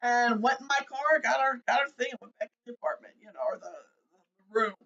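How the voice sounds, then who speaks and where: A woman in her fifties co-hosts a casual chat show, seated indoors at home, rambling and joking at her own expense. Her voice is a little high, expressive, bright and forceful, and a little fast. It's captured on a phone camera as a dull lo-fi phone recording.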